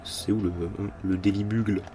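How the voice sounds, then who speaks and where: Deep-voiced man doing rambling gaming commentary. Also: flat delivery, normal speed, noisy background. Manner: rambling, jokey, mild swearing. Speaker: gaming video host. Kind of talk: casual playthrough commentary. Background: game music.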